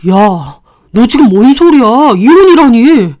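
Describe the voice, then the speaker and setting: A woman's voice: mid-range voice, normal speed, a little mellow, lightly acted. Brief: woman narrator voicing a hesitant young husband stuck between wife and mother. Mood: flustered. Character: flustered young husband caught in the middle.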